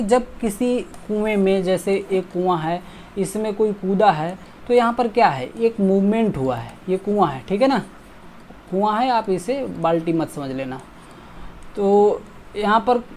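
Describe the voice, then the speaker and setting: A man teaching an exam-prep grammar lesson, reading example sentences slowly and drawn out and checking in often with short asides. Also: sits high, darkish tone, slight background noise.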